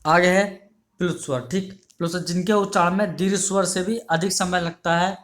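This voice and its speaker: A man's voice: sits high, fairly even intonation, normal speed, fairly bright tone. A male teacher giving an online exam-prep lesson, explaining patiently, repeating key terms and asking the class questions. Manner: ends phrases with "ठीक है" checks.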